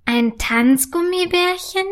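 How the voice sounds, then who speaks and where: Curious little girl for a children's audio story, voiced by a woman, bright and high. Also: slow, heavily acted. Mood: astonished. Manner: wide-eyed and excited. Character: young girl, curious and easily amazed.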